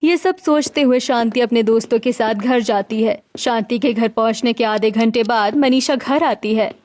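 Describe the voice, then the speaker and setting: A woman narrating a cartoon story in a steady, plain way. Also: a little high, moderate pace.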